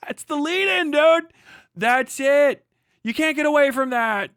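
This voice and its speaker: Reacting live to a clip, a male stream host goes off in a profane, combative, mocking rant, his very high voice animated yet slow-paced. The tone is a bit bright, and the clean studio recording has no room sound.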